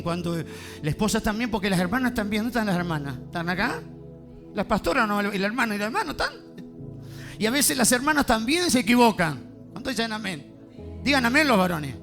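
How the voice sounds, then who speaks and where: A man preaching a sermon in a church, fervent, calling on the congregation to answer and rising to shouts. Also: high voice. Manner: fervent, builds to shouting, calls on congregation to respond.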